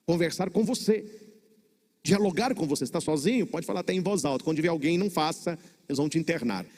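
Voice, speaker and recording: Brazilian priest giving a sermon, highish voice, lots of pauses and repeats, long church echo. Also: male voice, expressive, darkish tone, a little hiss or hum. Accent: Brazilian Portuguese. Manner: preaching with dramatic pauses and repetition.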